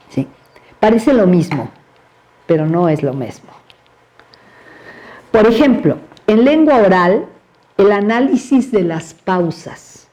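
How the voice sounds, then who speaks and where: A woman giving a philosophy lecture at a university seminar, talking in a conversational way and often checking in with her audience. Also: warm tone. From Mexico. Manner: acts out examples in a high playful voice.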